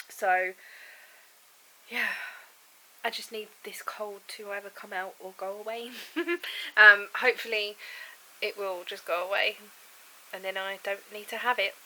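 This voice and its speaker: Chatting at home to the camera, this vlogger rambles along and laughs a lot despite a cold that leaves her throat froggy and blocked up. She has a mid-range, bright, forceful voice, captured on a rough recording.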